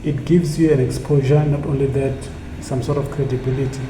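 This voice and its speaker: A reflective motivational monologue comes from an earnest man with a flat, mid-range voice who halts often and repeats phrases. Originally a Tsonga speaker from South Africa, he heads a community initiative he founded, and the echoey room carries constant background noise.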